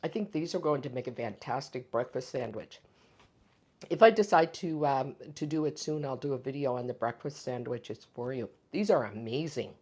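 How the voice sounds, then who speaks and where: A woman hosting a home baking vlog, chatting in a relaxed way, thinking aloud and tasting the food as she talks. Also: extremely low pitch, normal speed, slightly rough. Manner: tastes food while talking. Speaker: home baking channel host. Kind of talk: casual cooking vlog.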